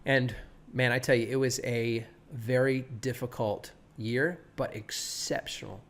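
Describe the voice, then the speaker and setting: A man's voice: mid-range voice, a little slow. Laid-back man with a surfer-like voice. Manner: animated, quotes people, many restarts. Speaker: pastor and podcast guest. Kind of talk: casual storytelling interview.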